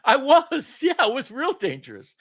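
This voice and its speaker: A middle-aged podcast host with a very high voice tells rambling stories during casual chat, speaking at a moderate pace. He's animated and laughs often.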